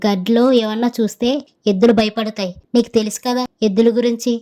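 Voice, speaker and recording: A woman's voice: a little high, fairly even intonation, brisk, mellow, close to an everyday voice. A woman voicing an easygoing young village man who brushes off talk of ghosts. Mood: reassuring. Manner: breezy, dismissive of fears.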